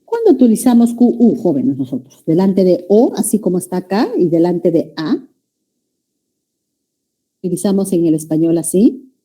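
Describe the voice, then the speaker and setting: Speaking to her "jóvenes" in a language class, this woman has a fairly low, warm voice with big pitch swings and a moderate pace. She lectures while often asking "¿ya?" to confirm the students understand.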